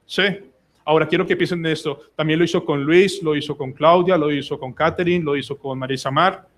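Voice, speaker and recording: A man's voice: a little high, fairly even intonation, a little fast. A man preaching a sermon at a church service, emphatic, acting out prayers and quoted voices. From Colombia. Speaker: pastor.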